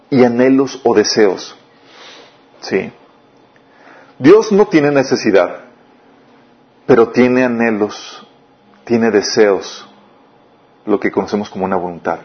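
A man gives a sermon in a mid-range voice, often asking his listeners questions. His delivery rises and falls in loudness. The recording sounds dull and lo-fi. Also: medium pitch. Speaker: preacher.

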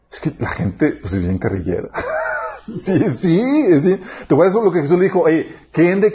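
A man preaching a sermon, telling personal stories and acting out quoted dialogue. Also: medium pitch. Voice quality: animated, storytelling with quoted dialogue. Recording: dull lo-fi sound.

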